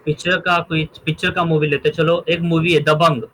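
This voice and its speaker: High bright-voiced male teacher. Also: level tone, fairly quick, slight background noise, low-quality recording. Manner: checks understanding often, explains by examples. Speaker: English teacher. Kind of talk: spoken grammar lesson.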